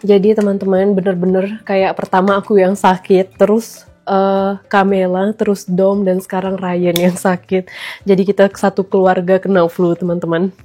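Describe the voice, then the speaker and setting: A woman in her thirties, a vlogger and mom getting over the flu, cooks at home and chats casually with her viewers, talking to them often. Her voice is medium-pitched, stuffy and nasal from a cold, dark in tone and fairly flat, at a moderate pace over soft background music.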